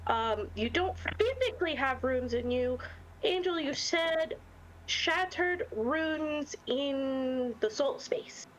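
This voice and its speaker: High-voiced chatty woman gamer. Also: lively intonation, takes it slowly, slight background noise, rough recording. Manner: chatty, laughs often. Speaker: player. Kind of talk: tabletop roleplay chat.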